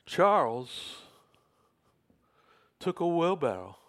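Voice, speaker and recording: A man's voice: a little high, big pitch swings, extremely slow, fairly bright tone. A man preaching a sermon, telling a story and putting emphatic questions to his congregation. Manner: talks with the congregation. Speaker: pastor.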